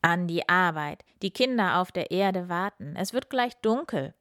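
A woman voicing Santa Claus, a kindly, wise old man who speaks gently admonishing and reassuring in a children's story. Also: lowish voice, expressive, a little slow, no echo, clean studio sound. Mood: fatherly.

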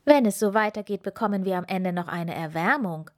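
A woman voicing a small cheerful male snowman in a whispered role-play, higher, quicker and louder than her narration. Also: dry recording, clean studio sound, natural voice. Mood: worried.

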